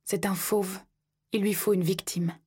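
A woman reading a first-person audiobook in a tense, hushed storytelling manner. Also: mid-range voice, steady tone, measured pace, breathy edge. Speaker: narrator.

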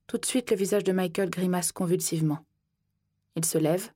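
A woman narrating an audiobook in the first person, soft and measured, often slipping into whispers. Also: fairly low pitch, husky, no room sound, clean studio sound.

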